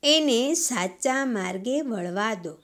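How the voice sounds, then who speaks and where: A woman reading the lines of a calm middle-aged man who gently persuades an angry father, in a school lesson. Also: a little high, slow pace. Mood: persuasive.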